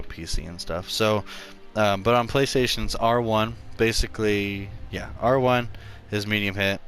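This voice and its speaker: A man's voice: fairly low pitch, fairly bright tone. A man casually talking through a video game's character creation, rambling with many fillers and restarts. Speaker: gameplay tutorial narrator. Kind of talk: casual gameplay commentary.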